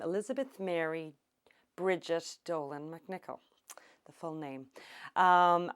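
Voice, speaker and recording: Low-voiced Irish-born woman reminiscing. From Ireland. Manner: unhurried, thoughtful, with many ums. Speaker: oral history interviewee. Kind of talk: reminiscing interview.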